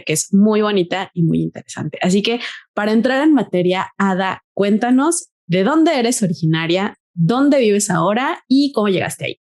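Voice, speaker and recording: A woman's voice: mid-range voice, darkish tone. Chatty Mexican-Spanish podcast host woman. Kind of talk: podcast interview and scripted intro.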